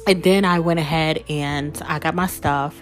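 Her voice is low, her intonation fairly even, and she talks at a normal speed over soft background music. She's a podcast host and spiritual coach recounting personal stories in a relaxed, candid manner, full of "like" and "you know."

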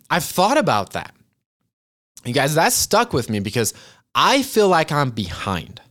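With a fairly high pitch and huge swings in intonation, a podcast host in his twenties speaks at a measured pace in a slightly bright voice. He chats earnestly and casually about goals, motivating listeners he addresses as "you guys," just like friends.

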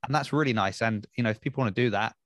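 A man co-hosting a podcast, chatting in a thoughtful, halting way with frequent restarts. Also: mid-range voice, a bit bright, no echo, studio quality. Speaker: podcast co-host. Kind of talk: casual podcast chat.

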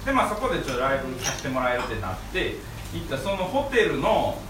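A man's voice: mid-range voice, big pitch swings, fast. A man with an Osaka Kansai accent telling anecdotes in casual, joking, colloquial chat. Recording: echoey, distant mic, noisy room.

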